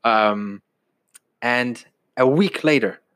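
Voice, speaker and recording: A man in his twenties from Denmark, telling stories in a relaxed, casual podcast chat with some restarts. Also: medium pitch, drawn-out words. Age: 20s. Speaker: podcast co-host.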